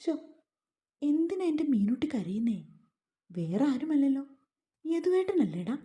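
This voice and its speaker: A woman's voice: on the high side, lively intonation, unhurried, mellow. A woman voicing a cruel, resentful young husband who speaks in a harsh, taunting, menacing way. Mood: mocking.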